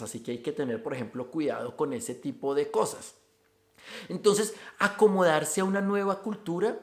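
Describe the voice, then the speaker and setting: A man's voice: fairly high pitch, echoey room. A man from Colombia with a Bogotá accent, talking reflectively in a casual opinion video about migrant life. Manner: reflective and conversational, stringing points with "entonces".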